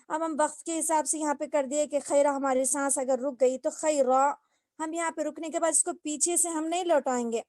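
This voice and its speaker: A high-pitched woman teaches Quran recitation online in a mellow, patient tone, walking through each rule step by step and repeatedly asking the class questions. The audio is dry and close with no room sound, like a video call.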